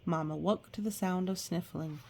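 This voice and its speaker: Her lowish, gravelly voice keeps a fairly even intonation at a moderate pace as she reads a picture book aloud. Along the way she chats, reacts expressively, and gently explains things as though to young kids.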